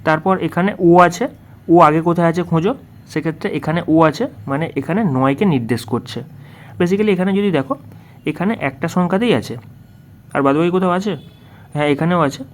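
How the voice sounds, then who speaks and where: A man with a slightly high voice works through exam questions as a tutor. He explains each step and keeps asking the student what comes next. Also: fairly quick. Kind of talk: worked-solution lesson.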